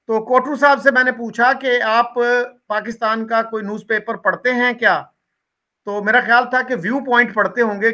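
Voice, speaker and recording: A man with a high, bright voice tells a story in an easy, measured way. He speaks as a guest in a relaxed conversation.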